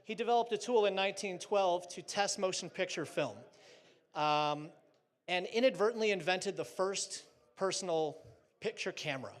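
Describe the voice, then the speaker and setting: A man's voice: high voice, normal speed. A man giving a casual, chatty presentation with slides on stage at a live trade show, joking lightly between fillers.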